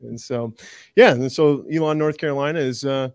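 A Canadian man in his thirties speaks in an eager, casual guest manner, often restarting and circling his point. His voice sits at an ordinary middle pitch. The sound is dry and close, with no room around it. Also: normal speed, dry recording. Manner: eager, rambling, many restarts. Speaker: university director of bands, guest. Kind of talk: casual interview chat.

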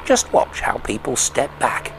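A man's voice: measured pace, noisy background. A man reading scripted documentary narration with polished, dramatic storytelling phrasing.

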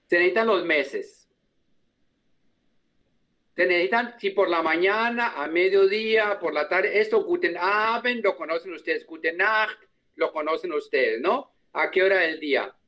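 Guy with a highish voice teaching german on a video call, patient, says words slow for you to copy. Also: bright, forceful tone. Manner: explains patiently and repeats words slowly for practice. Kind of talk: online group lesson.

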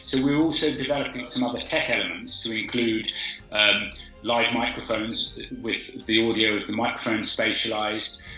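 A man's voice: on the low side, fairly even intonation, moderate pace, sharp tone, soft background music. A man explaining his work in an interview from home over a video call, with some hesitations. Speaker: interviewee, audio producer. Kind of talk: interview answers. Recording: dull echoey video-call audio.

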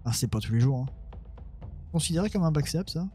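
A man's voice: a little high, animated, fairly quick, dark tone, faint music behind. A man casually commenting on his own strategy game, talking to his units and mocking himself. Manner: muttering, self-mocking, talks to his units. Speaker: let's play gamer.

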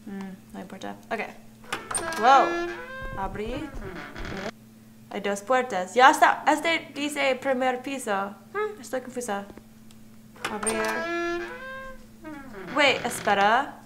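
Slow-talking young woman playing a game. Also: on the high side, expressive, noisy background. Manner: talks to objects in the game, nervous giggles. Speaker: gamer. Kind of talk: let's play commentary.

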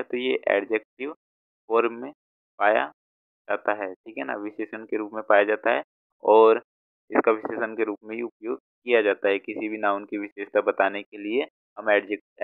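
Indian male tutor, low flat delivery, tinny dry phone-like sound, patient and repetitive. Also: no echo. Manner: patient, repeats words, frequent check-ins. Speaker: vocabulary teacher. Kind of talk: explaining word meanings, mixing Hindi and English.

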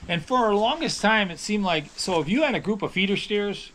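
A man's voice: high voice, expressive, brisk, fairly bright tone, slight background noise. A middle-aged man, a dairy farmer, telling stories in a casual, rambling way, with many restarts. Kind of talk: casual storytelling. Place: on a farm, near calves.

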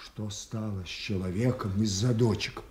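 A man's voice: fairly low pitch, steady tone, normal speed, darkish tone, a little hiss or hum, natural voice. An actor playing an old, maddened, imperious king in a classical Soviet radio drama, with weighty theatrical delivery. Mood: anguished wonder.

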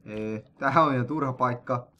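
A young man, an excitable, jokey gaming host narrating a let's play, with sudden loud outbursts. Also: medium pitch, muffled recording.

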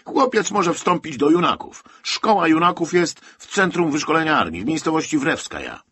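A man voicing an irritable, harried army lieutenant colonel in an audiobook who shouts in a high, strained voice. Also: sing-song, slow pace, a little hiss or hum, exaggerated voice. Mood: angry.

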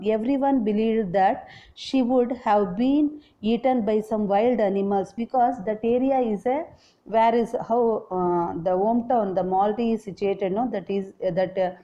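A woman teacher explains a lesson to schoolchildren at an unhurried pace. Her tone is soft-edged and mellow, at a medium pitch, and she often restates a point in simpler words. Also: muffled recording. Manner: explanatory, repeats and rephrases points. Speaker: English teacher.

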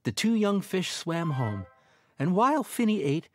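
Expressive male storyteller for kids. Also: sits high, a little slow, soft background music. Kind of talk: scripted children's narration.

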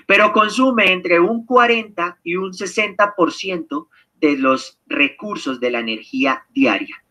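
A man leading an online seminar, reading out participants' answers and quizzing them with animated questions. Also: high voice, measured pace. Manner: lively, animated, engages the audience with questions. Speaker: seminar leader.

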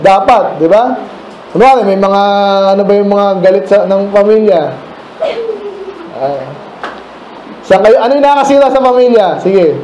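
A man's voice: high-pitched, mellow, reverberant, a little hiss or hum, rough recording. A Filipino man preaching a midweek Bible study sermon, talking conversationally and asking the congregation questions. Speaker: pastor. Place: church room.

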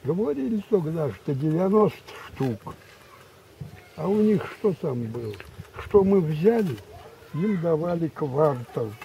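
Rambling old grandpa storyteller, very mellow, distant. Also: male voice, fairly high pitch, big pitch swings, gravelly. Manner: rambling, halting, repetitive, colloquial. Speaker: war veteran recounting memories. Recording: distant mic, muffled, background noise.

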